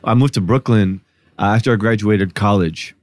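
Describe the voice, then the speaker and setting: A man's voice: on the low side, moderate pace, no room sound. A man from New Jersey, a podcast guest, talking casually and reflectively about his upbringing with frequent "like" fillers. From Newark, New Jersey, US. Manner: reflective, storytelling, many "like" fillers. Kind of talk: casual conversation.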